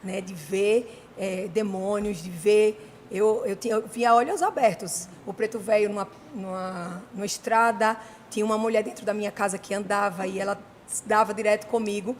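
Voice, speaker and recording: A woman's voice: medium pitch, fairly even intonation, moderate pace, long reverb tail, slight background noise. A woman with a Brazilian Portuguese accent hosting a podcast interview, speaking reflectively and affirming her guest often. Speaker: podcast host. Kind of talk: casual interview.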